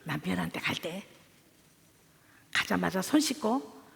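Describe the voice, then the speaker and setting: A woman's voice: on the low side, a little slow, gravelly. A middle-aged woman, a family therapy professor, giving a humorous sermon and acting out her family's arguments. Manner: lively storytelling, mimics family members' voices. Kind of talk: humorous sermon with acted anecdotes. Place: large church hall. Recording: long hall reverb.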